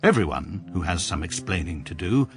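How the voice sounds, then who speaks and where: An English-accented actor plays a precise, pompous barrister narrating his own story in a radio drama, as both narrator and adult lead. His low voice is sing-song yet measured, dry and pedantic.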